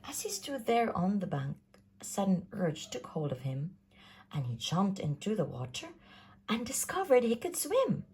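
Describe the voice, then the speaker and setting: A woman reading a rhyming children's story aloud in a theatrical, sing-song, expressive way. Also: mid-range voice, moderate pace, slightly rough. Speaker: storybook reader.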